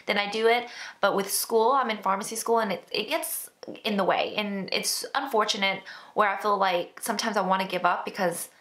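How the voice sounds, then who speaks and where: Bright-voiced young woman chatting casually. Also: medium pitch. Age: 20s. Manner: chatty, self-deprecating, frequent fillers. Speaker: beauty vlogger. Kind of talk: casual chat answering viewer questions. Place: indoor, seated.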